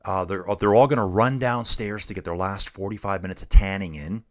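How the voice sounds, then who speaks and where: Deep-voiced and fairly quick, a middle-aged man gives laid-back live commentary on a bike race. He chats with viewers, reads chat messages aloud, and uses "dude" a lot.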